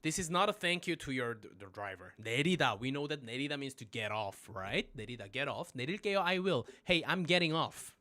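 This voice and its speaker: A man teaching phrases in a live-streamed lesson, joking, swearing casually and making loud sound effects. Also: mid-range voice, animated, fast, few pauses, dry recording. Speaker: Korean language teacher.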